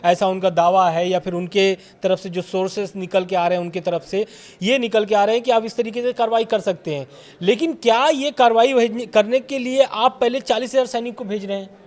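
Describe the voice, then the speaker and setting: A man working as a news anchor on a studio panel, asking steady, leading questions. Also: sits high, a little fast.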